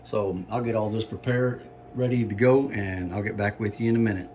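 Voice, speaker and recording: A man giving a casual home cooking demonstration, explaining things in a halting, unhurried, folksy way. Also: lowish voice, a little mellow, slight background noise. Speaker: home cook presenting a recipe.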